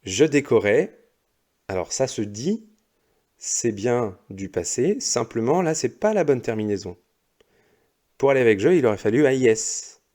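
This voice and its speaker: Patient low-voiced male teacher. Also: warm tone. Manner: slow, patient, explains step by step. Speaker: primary school teacher. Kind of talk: recorded lesson correcting exercises.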